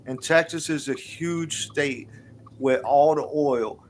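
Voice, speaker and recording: A man's voice: on the high side, slow. An emphatic man chatting on a stream, repeating his points with conviction. A faint hum of background noise sits under his voice. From Louisiana. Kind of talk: casual chat.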